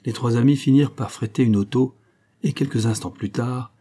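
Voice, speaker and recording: A man narrating a classic novel as an audiobook, reading in measured, phrase-by-phrase delivery. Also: medium pitch, mellow, breathy edge.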